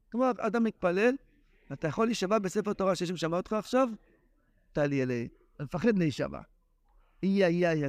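A male Torah teacher giving a daily lesson in an impassioned, exclamatory manner. His voice is fairly high, and the recording is close and dry with no room sound. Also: no room sound. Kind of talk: daily religious text lesson.

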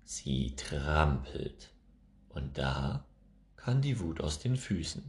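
Deep-voiced male reader for a children's book, slow and very expressive. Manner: expressive, measured. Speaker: narrator. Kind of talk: children's storybook reading.

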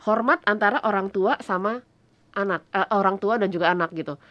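A woman hosts a radio talk show in an attentive, conversational way, readily agreeing and following up. Her voice sits at a middle pitch. It has a slightly muffled broadcast sound. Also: a little fast. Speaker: radio host.

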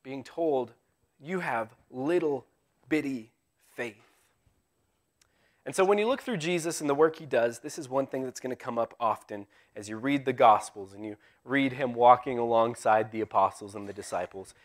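A man preaching a live sermon in a church in a conversational way, with wry asides, swinging between loud emphasis and hushed tones. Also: medium pitch, fairly quick, few pauses. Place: church sanctuary.

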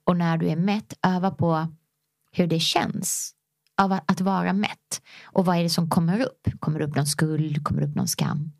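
Animated Swedish-speaking woman, dry sound. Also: fairly low pitch, creaky, dry recording. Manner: animated storyteller, acts out quoted voices, guides breathing exercises slowly. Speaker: guest, yoga teacher and coach. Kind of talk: casual podcast conversation.

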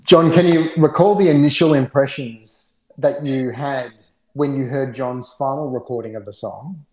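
Man, co-host, mellow dark voice, friendly short questions, echoey room. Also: mid-range voice, normal speed. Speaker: podcast co-host.

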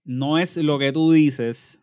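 A man's voice: fairly high pitch, fairly even intonation, darkish tone, dry recording, studio quality. A man in his thirties with a Puerto Rican accent, co-hosting a podcast in casual, profane banter. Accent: Puerto Rican Spanish. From Puerto Rico. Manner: profane, emphatic, quick banter. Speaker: podcast co-host. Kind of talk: casual chat.

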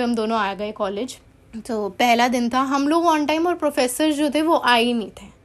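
A young woman talks straight to her camera, recounting her college days in a breezy, chatty way. She slips easily between English and Hindi, and her voice sits fairly high. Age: young adult. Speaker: college student vlogger. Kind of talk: casual storytelling vlog.

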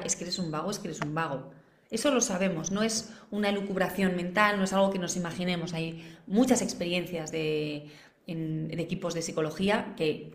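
Educadora de crianza española, tono de preguntas retóricas al público, sonido con mucha reverberación. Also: female voice, on the low side, a little mellow. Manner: asks the audience many rhetorical questions. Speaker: parenting educator. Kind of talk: live online masterclass. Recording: roomy echo.

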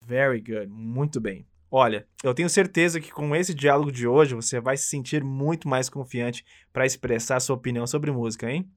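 A Brazilian man teaching English speaks in a mid-range voice at normal speed with few pauses. The lesson is upbeat and friendly as he coaches the listener through repeated phrases.

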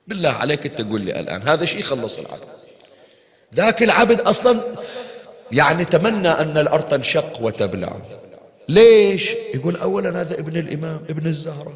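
A man preaching in a mourning hall, telling a story with feeling and throwing rhetorical questions at his listeners. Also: on the high side. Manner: emotive storyteller, asks the crowd rhetorical questions. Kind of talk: Shia mourning sermon storytelling. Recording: long hall reverb.

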